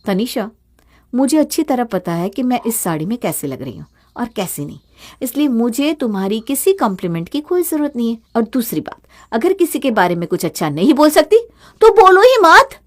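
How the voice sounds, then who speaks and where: A woman voicing an overworked, resentful young daughter-in-law in an animated story, speaking sharply and sarcastically. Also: fairly high pitch, fairly quick.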